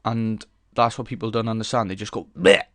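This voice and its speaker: A man's voice: fairly low pitch, little pitch movement, a little fast, a bit bright, no room sound, studio quality. A young man hosting a casual solo podcast, rambling frankly with lots of swearing, fillers and restarts as he thinks aloud. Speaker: podcast host.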